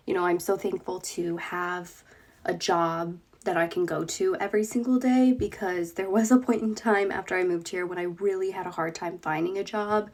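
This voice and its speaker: A young woman vlogs in a relaxed, chatty way, laughing easily as she talks. Her voice sits at a middling pitch and sounds congested from a cold. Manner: chatty, candid, laughs often. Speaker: vlogger. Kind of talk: casual vlog talk to camera.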